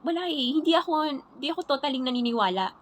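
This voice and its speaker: A woman telling her personal faith testimony in a halting, repetitive way, often restarting her sentences. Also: high-pitched, lively intonation, poor audio. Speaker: churchgoer sharing her testimony.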